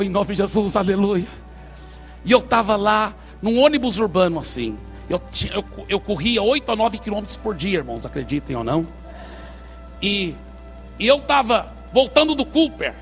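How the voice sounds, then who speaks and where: Male pastor, animated sermon storyteller, slightly high voice, faint music underneath. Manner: animated storytelling, calling out to the congregation.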